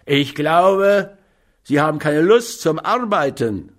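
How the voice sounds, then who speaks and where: A man's voice: mid-range voice, measured pace, natural voice. A man reading a story aloud and voicing a surly, well-fed man who snarls scornful remarks between bites of meat pie. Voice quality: snarling, barking. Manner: curt and scolding. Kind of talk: audiobook character voice.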